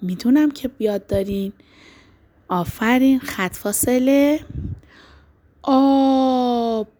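A woman teacher leading a dictation lesson for young boys, affectionate and encouraging, drawing out letters and words slowly. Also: on the high side, lively intonation, darkish tone. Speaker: primary school teacher.

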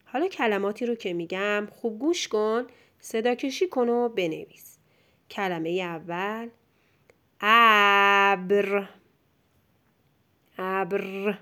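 A woman teacher giving a dictation lesson to young pupils, sounding out words slowly syllable by syllable in a patient, encouraging way. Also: medium pitch, lively intonation.

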